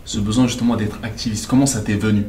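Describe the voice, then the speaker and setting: A man interviewing a guest, asking questions in a relaxed, informal way. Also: fairly low pitch, fast talker, roomy sound, a little hiss or hum. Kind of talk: casual conversational interview.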